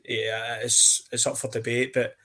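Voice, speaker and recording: Flat-toned man, rhetorical questions. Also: mid-range voice, measured pace, slightly rough. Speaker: podcast co-host. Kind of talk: casual football podcast chat.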